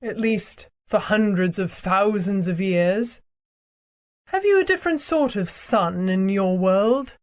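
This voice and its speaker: A woman voicing a proud, cruel ancient queen and sorceress in an audiobook, speaking in a slow, imperious, theatrical way. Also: medium pitch, expressive, darkish tone. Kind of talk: audiobook character reading.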